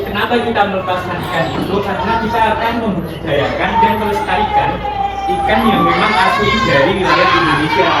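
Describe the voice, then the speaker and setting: A man's voice: sits high, very noisy. A young man teaching a primary school class, speaking directly to the pupils and asking them questions. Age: young adult. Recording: roomy classroom audio, mic far off.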